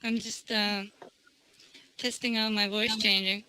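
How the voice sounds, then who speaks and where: Male caller from Canada, voice changer morphing him into a high female-sounding voice, drawling and unhurried. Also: little pitch movement, clear, resonant tone, poor audio. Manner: quiet, slow, giggly and teasing. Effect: voice changer morphing a male voice into a higher female-sounding one. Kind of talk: prank call-in chat.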